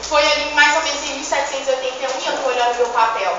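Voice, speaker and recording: Rapid-fire and high-pitched with a steady tone close to her everyday voice, a young woman plays a vain, joking dead poet from the eighteenth century. The school presentation has her chiding the class theatrically, recorded from afar in an echoey room with dull, noisy sound.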